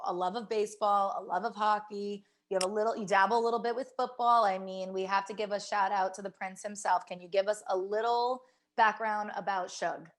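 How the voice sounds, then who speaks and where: A woman's voice: medium pitch, fairly even intonation, brisk. A woman hosting a casual podcast interview, upbeat and enthusiastic as she asks questions. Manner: enthusiastic, upbeat, full of shout-outs. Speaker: podcast host.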